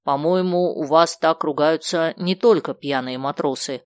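A woman's voice: low-pitched, moderate pace, a little mellow, dry recording, natural voice. A woman voicing a cheerful adult man with a slight Italian accent who likes jokey sayings. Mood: playful. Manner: playful, fond of jokey sayings. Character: cheerful foreign-born adult man, joking.

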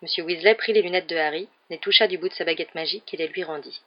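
A woman narrating an audiobook in a steady, measured storytelling voice. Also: fairly low pitch, muffled recording.

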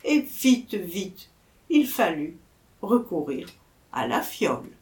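A woman reading a folk tale aloud with animated storybook narration and dramatic pauses. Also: lowish voice, reverberant. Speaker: audiobook reader.

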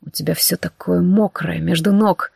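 A woman voicing a seductive male incubus demon lord in an audiobook, speaking in a slow, hoarse, low whisper. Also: fairly even intonation, darkish tone, no room sound, heavily acted. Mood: teasing. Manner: slow, husky and teasing. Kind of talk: audiobook character voice.

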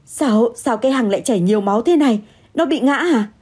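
A woman's voice: a little high, animated, brisk, a little mellow, slightly rough. A woman voicing an older male security guard who exclaims in alarm.

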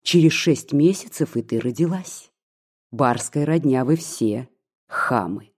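Reader doing a gossipy old maid, mocking and nosy, husky voice. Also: medium pitch, expressive, measured pace. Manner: mocking, scolding, prying. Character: spiteful gossiping old maid, sharp-tongued.

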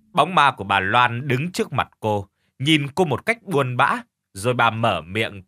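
A man narrating a ghost story for an audiobook, with a dramatic, expressive delivery that slows and speeds for suspense. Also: mid-range voice, dry recording.

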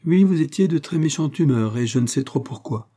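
A man playing a poised young lady of society, his husky voice lifted for her. She teases with cool irony. A storybook reading. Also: on the high side, expressive, a little fast, warm tone, voice pushed up. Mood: teasing. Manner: teasing, ironic, poised. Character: witty self-assured young heiress.

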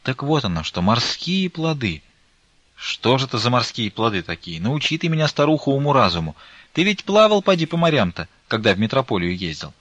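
A man voicing a pious, quick-tempered old woman who asks in a sing-song way and scolds sharply, in an audiobook. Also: medium pitch, big pitch swings, a bit bright, dry recording, muffled recording, pitched above the performer's own voice. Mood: curious.

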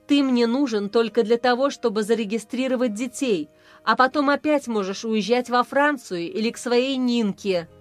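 A hurt young mother, read by a woman speaks coolly and firmly with a sorrowful undertone, her voice pitched fairly high. Faint music sits behind the reading. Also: animated, a little slow. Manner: cool, firm, sorrowful.

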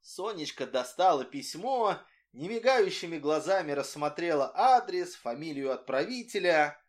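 A man narrating a children's story as an audiobook, reading in a lively, expressive way. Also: fairly high pitch.

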